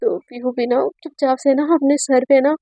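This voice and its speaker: A woman's voice: high-pitched, flat delivery, normal speed, mellow, no echo. A young woman casually retelling a romance story and voicing the characters' lines as she goes.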